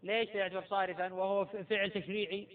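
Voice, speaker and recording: Middle-aged sheikh, quick high voice, drilling students on each rule; tinny phone-like recording. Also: male voice, little pitch movement. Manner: quizzes students and repeats key points. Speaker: sheikh teaching Islamic jurisprudence. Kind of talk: classroom lecture with questions to students.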